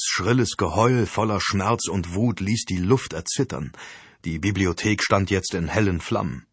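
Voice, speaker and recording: A man reading an audiobook in a steady, measured storytelling voice. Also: sits low, slightly rough, dry recording. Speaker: audiobook narrator. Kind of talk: scripted audiobook narration.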